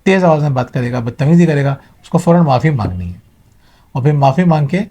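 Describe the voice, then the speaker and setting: Middle-aged male speaker, earnest advice-giving delivery, voice a touch high. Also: animated, dark tone, husky. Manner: earnest, advising, mixes English words. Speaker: motivational speaker. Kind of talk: motivational talk to viewers.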